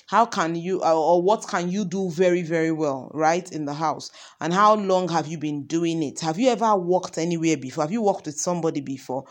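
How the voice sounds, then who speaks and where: A woman's voice: fairly low pitch, moderate pace, hardly any pauses. A woman teaching an informal parenting lesson, talking conversationally with many example questions. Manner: conversational, asks many example questions, frequent ums and you knows.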